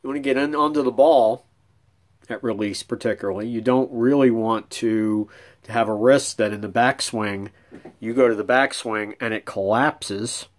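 A man's voice: mid-range voice, a little mellow. A middle-aged man giving casual bowling fitness tips in a small room at home, talking with frequent ums and restarts. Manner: conversational, many restarts and ums, demonstrating with hands. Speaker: bowling coach. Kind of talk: casual instructional vlog.

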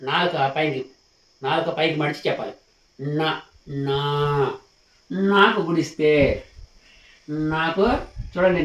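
A man's voice: on the high side, fairly bright tone. A man teaching a lesson on writing letters, patient and repetitive, often stopping to ask whether the class has understood. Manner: patient, repetitive, asks questions to check understanding. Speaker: Telugu teacher. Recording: echoey room, mic at a distance.

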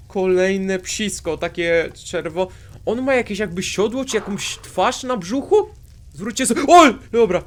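A man hosting a game video, talking to his viewers with excitable, jumpy outbursts. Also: sits high. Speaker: gaming video host. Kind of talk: Minecraft let's play commentary.

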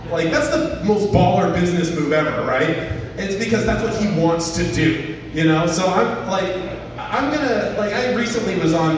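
A man's voice: a little high, noisy background. A man in his thirties doing an open-mic stand-up set into a handheld mic, rambling with lots of fillers and self-deprecation. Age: 30s. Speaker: stand-up comedian. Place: small venue with a stage and audience. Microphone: handheld mic, filmed from a far camera. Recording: echoey room from a far camera.

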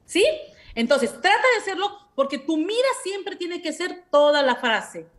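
A woman's voice: very high voice, animated, a little slow. A woman voice teacher with a Mexican Spanish accent, giving patient masterclass coaching with affectionate diminutives and short sung examples.

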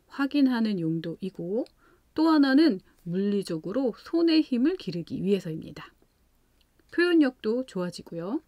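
A woman hosting a parenting channel, calmly explaining English vocabulary practice for young children step by step. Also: medium pitch, no room sound. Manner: calm, patient, explains step by step with examples. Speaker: parenting channel host teaching English at home.

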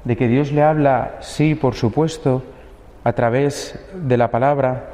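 A man's voice: mid-range voice, fairly even intonation, a little slow, dark tone, reverberant, in a large hall. A young male priest giving an earnest homily, posing rhetorical questions.

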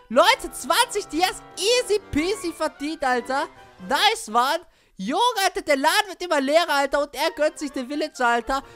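A young woman giving excitable, slangy Let's Play commentary as a gaming YouTuber. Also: sits high. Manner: excitable, slangy, youthful street talk.

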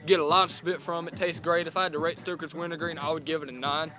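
A man's voice: on the high side, flat delivery, quick pace, sharp tone. A young man with a Southern US accent talks with a lip full of dip, giving a casual, rambling, profane review outdoors. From North Carolina, USA. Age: young adult. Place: outdoors in a rural yard by parked vehicles. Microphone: camera set on a car, about a meter away.

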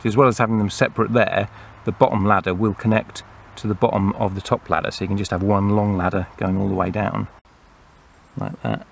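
A man casually narrating a toy playset review, explaining the features in a relaxed way. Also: lowish voice, fairly quick, vocal fry, a little hiss or hum.

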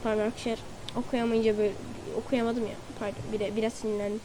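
A woman's voice: fairly high pitch, level tone, very fast. A woman doing let's play commentary who reads game dialogue aloud and has exasperated outbursts. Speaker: gamer. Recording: loud background noise.

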